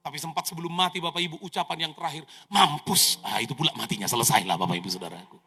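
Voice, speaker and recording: A man in his thirties preaching an animated sermon as pastor, telling stories dramatically with sound effects and jokes, in a reverberant church hall. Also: a little high, very fast, creaky, slightly rough, soft background music.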